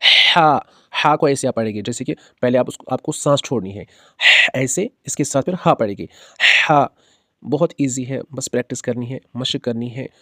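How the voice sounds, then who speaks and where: A man's voice: medium pitch, no room sound, clean studio sound. Patient man teaching letter sounds. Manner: patient, repeats each letter slowly and drawn out; checks in with the learner often. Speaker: Quran teacher. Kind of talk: spoken lesson on pronouncing Arabic letters.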